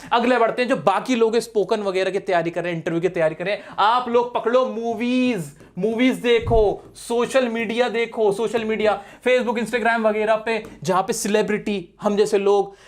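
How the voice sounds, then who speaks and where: A man's voice: high-pitched, fairly even intonation, normal speed, few pauses. A young man with an Indian accent teaching spoken English in a casual, direct way, talking straight to his viewers. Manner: chatty, direct, addresses viewers as brother. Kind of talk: casual classroom-style lesson.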